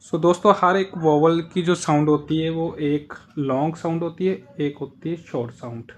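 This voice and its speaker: A man with an Indian accent gives a casual spoken lesson in a slightly high voice. He explains things patiently and says each example word more than once. A faint hum runs under the recording. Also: fairly even intonation, moderate pace. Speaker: German language teacher.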